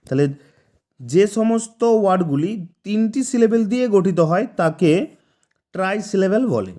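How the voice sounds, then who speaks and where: High-voiced man teaching grammar patiently. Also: a little mellow. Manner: patient, repeats words syllable by syllable, asks "ঠিক আছে?". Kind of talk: spoken lesson explaining examples.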